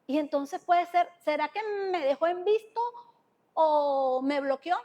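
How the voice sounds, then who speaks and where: A woman with a Venezuelan Spanish accent preaches to her congregation in a church hall, talking conversationally and asking them questions. Her voice is high-pitched and dark in tone, a little slow, and carries a long church-hall reverb.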